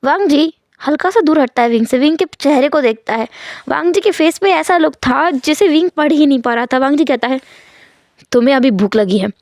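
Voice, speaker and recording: A woman's voice: high voice, brisk, a little mellow, dry recording, studio quality. A woman retelling a fanfiction story in a plain, chatty way. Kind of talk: casual fanfiction narration.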